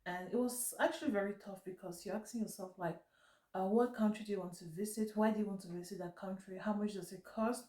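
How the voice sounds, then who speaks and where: A woman with a soft, mellow voice chats casually to her viewers, rambling and correcting herself. Her nose is stuffed up, so she does mouth breathing as she speaks. The recording is echoey, picked up some way from the microphone. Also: mid-range voice. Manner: mouth breathing while talking. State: congested blocked nose, breathing through the mouth. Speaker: vlog host. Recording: echoey room, distant mic.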